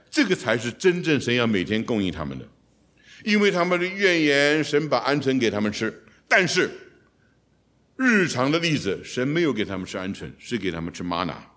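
A man giving an expository Bible teaching in a lively way, putting rhetorical questions to his listeners and dropping in English phrases. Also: mid-range voice.

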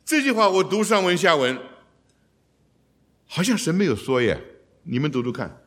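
Lively man teaching from the Bible. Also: fairly high pitch, moderate pace. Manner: lively, asks the audience rhetorical questions; drops in English phrases.

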